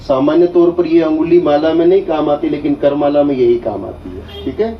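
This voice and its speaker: A man acting as a guru at an initiation ceremony, giving slow, deliberate spiritual instruction and often checking that listeners follow. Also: fairly high pitch, a little hiss or hum. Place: hall at an initiation gathering. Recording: echoey, dull, distant hall recording.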